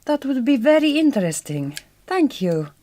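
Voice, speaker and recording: Now high-pitched and sing-song at a moderate pace, she plays the quietly wounded but kind, direct Hungarian migrant farm worker in the radio drama, her accented speech careful and reassuring. There's no echo, and she sounds friendly and curious.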